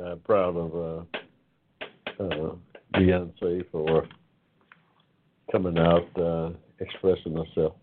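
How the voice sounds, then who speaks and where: A man in his seventies hosting an online talk forum, speaking in a casual monologue that is unhurried and reflective, with many pauses and drawn-out words. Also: low voice, husky. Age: 70s. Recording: tinny phone-line sound.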